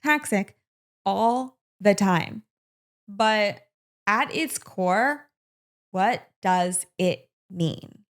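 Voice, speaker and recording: A woman's voice: medium pitch, drawn-out words. A woman hosting her own solo podcast about everyday wellness, talking casually and playfully straight to the listener. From American Midwest. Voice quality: chatty, animated, with playful asides. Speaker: podcast host.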